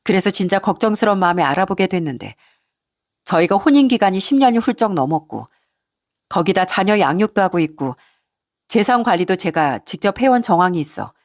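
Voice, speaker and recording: A woman's voice: medium pitch, no room sound, studio quality. A woman reading a first-person story in a conversational, indignant storytelling manner. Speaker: story narrator.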